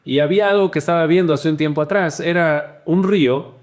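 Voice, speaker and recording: A man preaching a sermon as pastor, animated, with wide swings in pitch and loudness. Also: a little fast.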